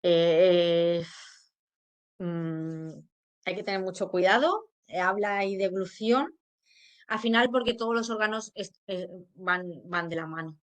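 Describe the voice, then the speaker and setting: A female speech therapist with a Spain Spanish accent delivers a casual educational talk in a lowish voice, speaking slowly. She explains things patiently, using lots of fillers and often checking that her listeners are keeping up.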